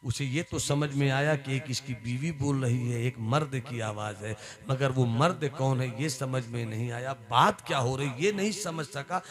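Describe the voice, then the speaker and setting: A man telling a devotional story in a sermon, dramatic and swinging from hushed tones to shouting. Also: medium pitch, normal speed, few pauses.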